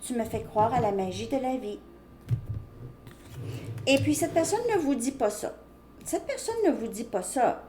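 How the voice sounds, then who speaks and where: A woman's voice: fairly high pitch, lively intonation, a little slow, pauses often. Chatty woman reading tarot. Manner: chatty, thinking aloud with many fillers and "ok?". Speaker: tarot reader. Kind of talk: casual tarot card reading to viewers. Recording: echoey room, faint background noise.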